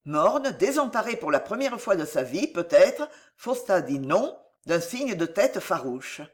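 A narrator reading an adventure novel aloud with a theatrical flair. The pitch sits in the middle but swings widely. Each line is shaped for drama. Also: sing-song, measured pace. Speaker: audiobook narrator.

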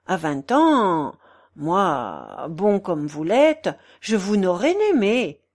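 A woman voicing a gossipy, meddling middle-aged concierge in a storybook reading, with a shrill, wheedling, theatrical manner. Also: huge pitch swings, drawn-out words, heavily acted. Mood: coaxing.

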